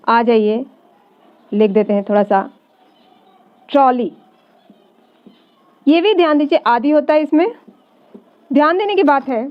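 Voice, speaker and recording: A woman teaching grammar to children, asking the class questions and answering them herself, and repeating words slowly. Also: high-pitched, lo-fi sound. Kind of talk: classroom-style explanatory lesson.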